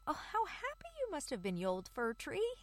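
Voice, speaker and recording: A woman voicing a pair of small, curious, squeaky mice in a storybook reading, asking eager questions in a high voice. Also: huge pitch swings, moderate pace.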